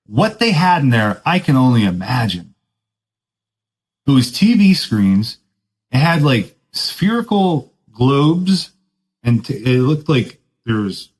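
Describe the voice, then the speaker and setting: On a rough recording, a man with a mid-range voice hosts a podcast and rambles through a story in casual, laid-back surfer talk. He keeps saying "dude," jokes at his own expense, and laughs a lot.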